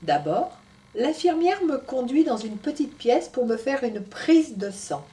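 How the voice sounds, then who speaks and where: A woman teacher reading a picture book aloud to young children, pausing to explain the story to them. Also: high voice, sing-song, warm tone. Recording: voice from a distance off the mic.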